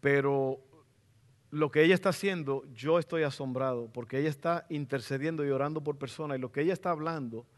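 A middle-aged man preaching a sermon as pastor in a church, fervent and rising to loud exclamations. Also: a little high, brisk. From Latin America.

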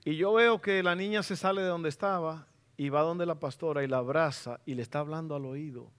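A middle-aged man preaching a sermon as pastor in a church, fervent and rising to loud exclamations. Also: on the high side, a little fast, smooth. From Latin America.

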